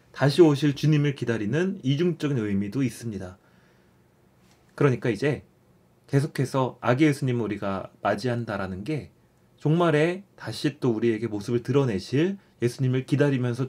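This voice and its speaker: A young man leads a relaxed catechism lesson in an easy, conversational way. He restates his points and keeps nudging listeners along with a prompting "so". His voice sits at a mid pitch for a man. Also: husky. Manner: explains warmly, repeats phrases, often starts with "자".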